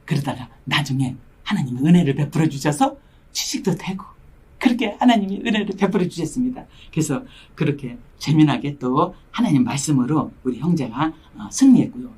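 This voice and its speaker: A woman's voice: sits low, fairly quick, slightly rough. An older woman, a missionary, giving an emotional testimony sermon and acting out the voices of the people in her story. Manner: animated storytelling, acts out quoted voices.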